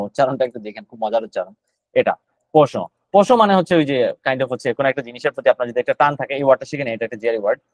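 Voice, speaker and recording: Guy teaching gre words in a live online class, talks quick, repeats every word a few times, dry close sound. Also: mid-range voice, dry recording, rough recording. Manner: explains words in Bengali, mixing in English terms and filler sounds; repeats each word several times while explaining. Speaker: GRE vocabulary instructor.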